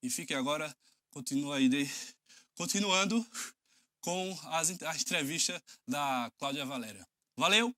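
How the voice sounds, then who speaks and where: A man presenting a fitness segment on TV, speaking in an energetic, encouraging way. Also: on the high side, unhurried. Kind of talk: TV segment sign-off.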